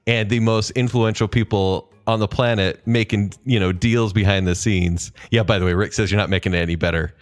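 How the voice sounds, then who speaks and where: A man's voice: on the low side, steady tone, brisk, few pauses. A man hosting a podcast in casual chat, teasing his co-host and laughing often.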